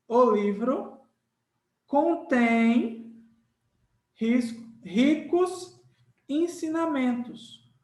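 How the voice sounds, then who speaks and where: A man teaching a grammar lesson, patiently repeating each point and checking in with his students. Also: high-pitched. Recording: echoey room.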